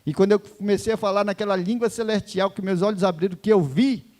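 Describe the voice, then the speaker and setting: A man preaching an emotional testimony sermon in church, swinging from hushed words to fervent loud exclaiming. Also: sits high, steady tone, fast talker.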